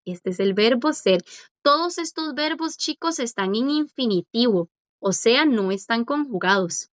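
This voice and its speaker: A woman's voice: fairly high pitch, animated, measured pace, no echo. A woman teaching a language class, patient and encouraging as she quizzes students and praises their answers. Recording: dull lo-fi dry audio.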